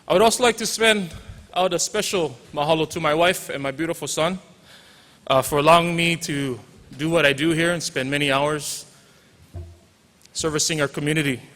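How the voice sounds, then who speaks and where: Speaking at normal speed with fairly even intonation, a Hawaiian teacher in his forties offers an informal graduation speech, joking on the side and slipping into Pidgin. His voice leans high and a bit bright, carrying a Hawaiian accent. It's recorded in a large, echoing hall.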